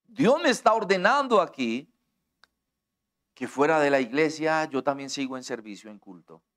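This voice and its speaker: Middle-aged Colombian pastor, a touch high in pitch, preaches directly to the congregation and leans on everyday examples. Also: male voice, lively intonation, normal speed, a bit bright. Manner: direct, conversational preaching that addresses listeners personally; explains with everyday examples and acts out quoted dialogue. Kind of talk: sermon.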